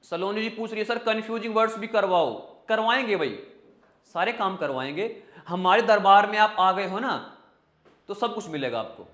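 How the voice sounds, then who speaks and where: A high-voiced male teacher runs an online vocabulary class. He jokes and chats with his viewers between memory tricks, and his voice echoes around the room. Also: animated, normal speed, fairly bright tone. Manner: joking, chatty, with mnemonics and asides to viewers.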